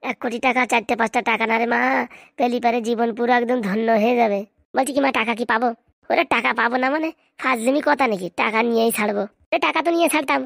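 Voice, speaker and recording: Woman playing a scheming cartoon housewife, middle-aged, Bengali accent, coarse scolding, very fast, dry close recording. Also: high-pitched, creaky, dry recording.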